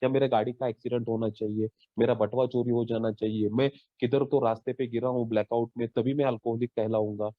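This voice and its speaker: A man's voice: brisk, hardly any pauses, dry recording. Guy talking recovery, asks lots of questions, muffled dry call audio. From India. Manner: earnest, mixes Hindi with English phrases; rhetorical questions, lively pitch swings. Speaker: AA member sharing his story. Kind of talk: Twelve Step workshop talk. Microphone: online call. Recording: dull lo-fi online call audio.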